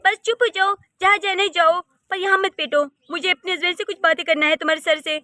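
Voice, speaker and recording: A woman's voice: very high-pitched, fairly even intonation, fairly quick, bright, forceful tone, no room sound. A woman voicing a spoiled, haughty young rich wife in a cartoon story, scolding and scornful. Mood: angry.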